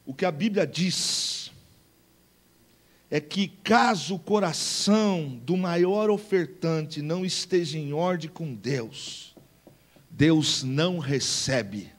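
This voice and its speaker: A male Brazilian pastor preaching with a high voice. He mixes emphatic declarations with casual slang and calls on the congregation to repeat after him. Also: slow. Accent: Brazilian Portuguese. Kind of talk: Pentecostal sermon.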